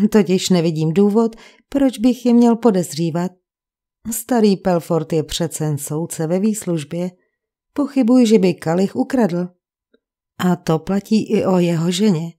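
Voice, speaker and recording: A woman's voice: lowish voice, dark tone, natural voice. A woman voicing a pedantic sarcastic vicar. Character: fussy, sarcastic middle-aged male English village vicar.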